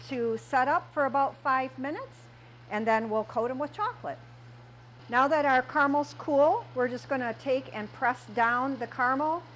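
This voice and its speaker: A woman's voice: high-pitched, a bit bright, slight background noise, poor audio. A middle-aged woman, a candy shop owner, walking through a recipe step by step in a small kitchen, with frequent fillers. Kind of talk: cooking demonstration.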